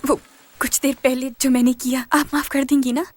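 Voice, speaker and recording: A woman's voice: high-pitched, flat delivery, normal speed, natural voice. A woman dubbing a flustered, pleading young woman. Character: anxious young woman wooing an older woman's favor. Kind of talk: dubbed TV drama. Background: music.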